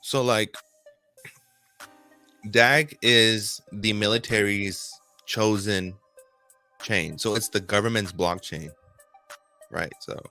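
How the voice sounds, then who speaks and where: A man's voice: lowish voice, pushed and bright. A man hosting a casual group chat about crypto, enthusiastic and rambling, laughing easily.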